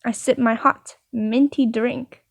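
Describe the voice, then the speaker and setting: Woman reading a story aloud, high voice. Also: steady tone, slow, creaky, dry recording. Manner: playful asides between narration. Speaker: story reader. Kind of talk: reading a visual novel aloud.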